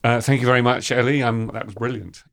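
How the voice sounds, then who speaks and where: A man's voice: medium pitch, fairly even intonation, fast, gravelly, a bit bright, no echo, studio quality. A man hosting a literary podcast, thoughtful and given to restarting his sentences as he talks about books. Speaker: podcast host. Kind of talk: literary discussion.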